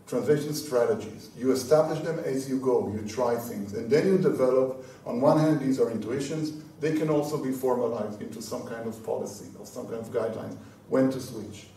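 Middle aged guy, soft dark tone, restarts his words, panel talk, really echoey. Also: mid-range voice. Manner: self-interrupting, repeats words as he thinks. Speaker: scholar on a translation panel. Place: indoor seminar room. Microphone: handheld microphone. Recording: echoey, distant, noisy room.

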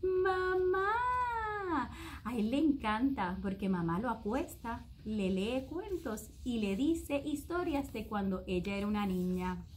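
A woman reading a children's story aloud, expressive and talking to young listeners. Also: mid-range voice, unhurried, few pauses, slight background noise.

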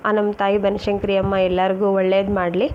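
A woman's voice: mid-range voice, little pitch movement, a little fast. A woman chatting through a home cooking demonstration and calling her viewers friends as she works. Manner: chatty, keeps calling viewers friends and urging them to look. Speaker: cooking channel host. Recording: dull lo-fi sound with faint noise.

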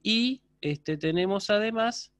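A man's voice: high voice, expressive, slow, a bit bright, clear, resonant tone, dry recording, studio quality. A man teaching a university class online, explaining patiently and often checking that students follow. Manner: patient, explanatory, checks understanding with frequent questions.

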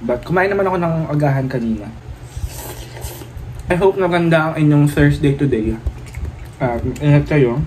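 A man in his thirties with a Filipino accent chats casually and animatedly to a phone camera held at arm's length in a small apartment room, mixing English into his Filipino and tossing in laughing asides. His voice sits on the high side at a normal speed with frequent pauses. The daily vlog is low quality, with slight background noise.

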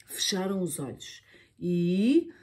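A woman's voice: lowish voice, takes it slowly, slightly rough. Playful woman reading a children's story. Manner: playful, expressive sound effects.

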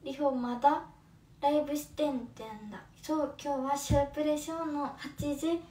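A woman of twenty with a Kumamoto accent chats with viewers on a livestream, warm and casual, using many fillers. Her voice sits high, and the sound comes from a phone some distance away. The room around her is echoey, with faint background noise. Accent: Kumamoto dialect. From Kumamoto, Japan. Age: 20s. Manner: chatty, friendly, with many fillers. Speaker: livestream host. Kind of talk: casual livestream chat reading comments.

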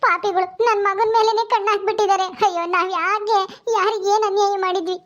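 Give me a woman doing a fretful, wailing grandmother who scolds quickly in a piping high voice, for a village family drama. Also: steady tone, fairly bright tone, dull audio. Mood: relieved, fretful. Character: grieving grandmother, fierce toward the kidnapper.

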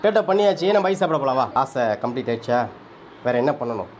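Tamil dad vlogging in a salon, talks fast and chatty, bit of background noise. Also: male voice, mid-range voice, expressive. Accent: Tamil Nadu Tamil. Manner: fast, chatty, coaxing his child. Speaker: family vlogger, father. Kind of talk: casual family vlog chat. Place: tattoo and beauty salon, indoors.

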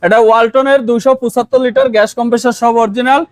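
A man with a Bangladeshi Bengali accent pitches used fridges in a shop, counting prices down in a very fast, high, pushy patter. His voice sits close and completely dry. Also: steady tone, no echo. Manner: fast, insistent haggling patter with repeated stock phrases.

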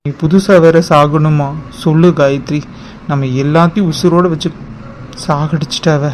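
A man's voice: a little high, fairly even intonation, unhurried, darkish tone, slight background noise, natural voice. A man voicing an angry, betrayed young man who scolds and reproaches in a cartoon drama. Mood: reproachful.

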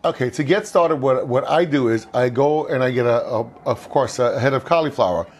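In a home kitchen, a man in his fifties hosts a casual cooking demo, talking fast at an average male pitch into a lapel mic. This cooking show host is chatty and tends to repeat himself, rewording what he just said.

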